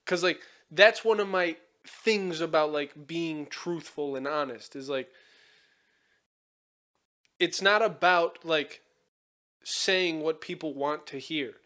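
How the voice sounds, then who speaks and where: A man's voice: fairly high pitch, takes it slowly, pauses often, pushed and bright. A young man hosting a casual podcast chat, rambling with lots of fillers and frequent swearing. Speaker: podcast host.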